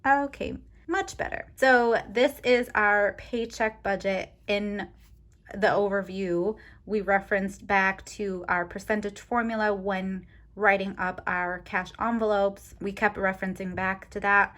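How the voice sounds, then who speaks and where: A woman's voice: mid-range voice, steady tone, unhurried, fairly bright tone. A woman vlogger explaining her household budget in a chatty way, talking straight to her viewers with frequent ums. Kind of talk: casual direct-to-camera vlog.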